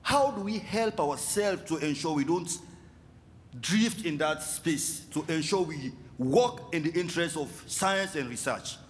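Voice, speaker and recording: A man's voice: fairly high pitch, animated, unhurried. A man from the audience earnestly asking a conference panel a two-part question in a large hall. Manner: earnest, pleading. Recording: reverberant hall, faint ambience.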